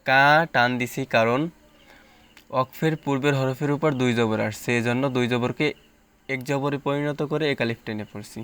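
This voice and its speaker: Guy teaching quran letter by letter, smooth clear voice, slow spelled-out recitation. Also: mid-range voice, fairly bright tone. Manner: slow syllable-by-syllable recitation between plain explanations. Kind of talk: spelling out and chanting Quranic words.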